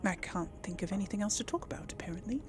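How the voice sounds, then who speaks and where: A woman hosts a casual let's play video, giving informal, hesitant, chatty commentary and role-playing replies. Her medium-pitched voice is expressive and a little mellow, and she talks very fast. Video game ambience plays in the background.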